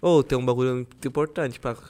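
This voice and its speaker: A man's voice: medium pitch, steady tone, fast talker, warm tone, clean tone. A man co-hosting a casual chat, slangy and swearing, laughing often. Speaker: podcast co-host.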